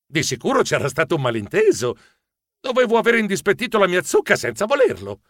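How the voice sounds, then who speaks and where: A man's voice: high-pitched, wildly swooping pitch, brisk, heavy background noise. Playful Italian-sounding story narrator, man. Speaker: audiobook narrator. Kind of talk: expressive children's story narration.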